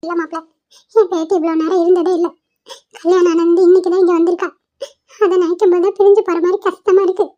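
A woman's voice: very high-pitched, level tone, fast talker, mellow, lo-fi sound. A woman voicing a fussy, scolding old grandmother in a cartoon, pleading and nagging. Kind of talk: Tamil cartoon voice acting.

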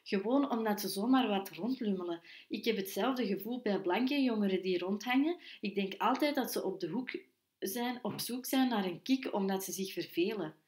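Lady doing a shy unsure teen girl, soft and hesitant, storybook. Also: mid-range voice, moderate pace, echoey room, lightly acted. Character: timid, unsure teenage girl.

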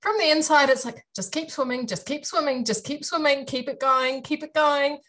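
Over a home video call picked up by her webcam, a New Zealand-accented woman in her thirties, a university lecturer, presents a warm, self-mocking career talk to students. She sounds high-pitched and a bit bright, at normal speed.

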